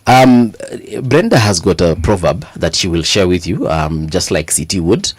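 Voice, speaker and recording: A man's voice: low-pitched, expressive, moderate pace, breathy edge, no room sound. A man with a Kenyan accent hosting a morning radio show in the studio, chatty and playful with his guests. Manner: playful banter, mixes in Swahili phrases. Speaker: radio host. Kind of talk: casual chat.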